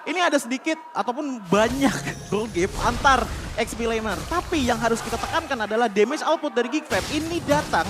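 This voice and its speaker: A man's voice: very high voice, expressive, brisk, music in the background. A man giving analytical esports caster commentary, laying out long step-by-step explanations.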